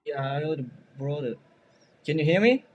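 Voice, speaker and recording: A man's voice: a little high, a little fast, dull audio, slight background noise. A man on a patchy, bad video-call connection, calling out again and again to check he can be heard. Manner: calls out repeatedly to be heard. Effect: bad connection over a video call, far and patchy. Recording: distant video-call audio.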